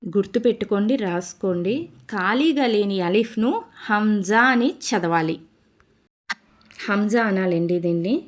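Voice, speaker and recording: A woman teaching an online lesson, talking slowly so students can write things down, and reciting letters in steady drills. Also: mid-range voice. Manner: slow, dictating pace for note-taking. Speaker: Arabic teacher.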